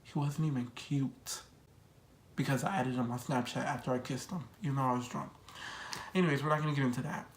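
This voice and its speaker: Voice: medium pitch, fairly quick. A young adult vlogger tells a personal story in casual, slang-heavy chat and repeats phrases for emphasis. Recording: echoey room.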